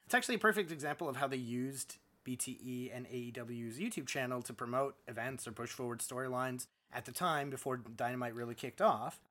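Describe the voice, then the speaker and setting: A man's voice: mid-range voice, fairly quick, few pauses, a bit bright. A man hosting a podcast, talking in a casual, bantering way as he reviews wrestling. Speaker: podcast host.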